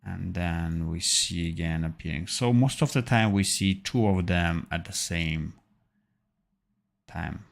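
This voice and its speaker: An animation tutor from Armenia leads a live-streamed software tutorial, thinking aloud as he goes. His voice is low and gravelly, and he speaks slowly, halting with fillers and correcting himself.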